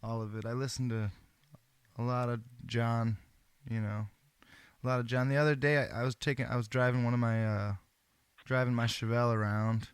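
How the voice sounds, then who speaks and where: A man's voice: medium pitch, little pitch movement, moderate pace, clear, resonant tone, no echo. A man hosting a casual call, talking in a laid-back, earnest, slangy way with the odd swear word. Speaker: host. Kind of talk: casual phone chat.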